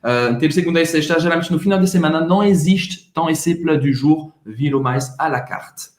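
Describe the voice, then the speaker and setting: A man teaching phrases, saying each one slowly and clearly for learners. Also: a little high, roomy sound. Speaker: French teacher. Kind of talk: casual bilingual language lesson.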